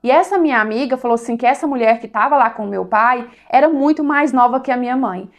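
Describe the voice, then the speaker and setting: A woman with a slightly high voice narrates a personal story in a confiding, chatty tone. She keeps a conversational flow, often pausing to check in with her listener. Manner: confiding, conversational, tags with "sabe?".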